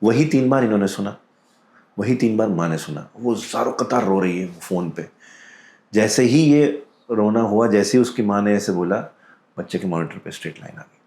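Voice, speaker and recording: Indian guy with a deep voice telling a ghost story slow and calm, echoey room. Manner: calm, deliberate, drops into quoted voices. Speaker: podcast guest storyteller. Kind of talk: casual storytelling in Hindi-English mix. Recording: roomy echo.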